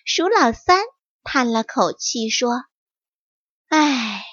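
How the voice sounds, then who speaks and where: A woman reading a bedtime story in a gentle, expressive way, with a fairly high voice that rises and falls a lot. She takes her time, and the recording sounds dry and slightly muffled. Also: takes it slowly, no room sound.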